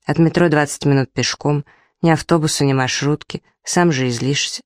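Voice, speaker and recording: A woman's voice: low-pitched, moderate pace, no room sound, close to an everyday voice. A woman reading the lines of a quarrelsome, sarcastic young wife aloud from a story, in a dry room. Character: sharp-tongued young wife, twenty-seven.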